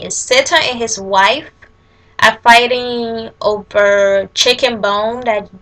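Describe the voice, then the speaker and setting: Bright-voiced Liberian woman, unhurried casual chat. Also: fairly high pitch, low-quality recording. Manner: informal, halting, with self-corrections mid-sentence. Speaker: vlogger answering accent tag questions. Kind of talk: casual chat, answering questions aloud.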